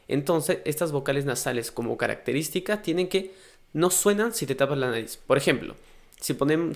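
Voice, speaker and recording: A man with a mid-range voice, teaching pronunciation in a patient, step-by-step way. He pauses to sound out examples as he explains them. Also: medium pitch. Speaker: language teacher.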